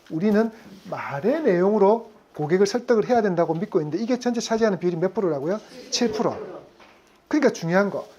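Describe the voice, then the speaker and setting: Woman lecturer, animated pitch, quizzes the room constantly. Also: husky. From Gyeongsang region. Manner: asks the audience frequent questions. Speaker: insurance sales lecturer. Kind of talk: lively classroom lecture.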